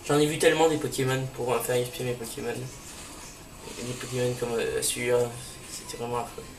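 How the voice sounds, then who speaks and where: A man's voice: mid-range voice, steady tone, brisk. A man casually commenting as he plays a video game, chatty and full of fillers. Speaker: let's play host. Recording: roomy, distant mic, faint hiss.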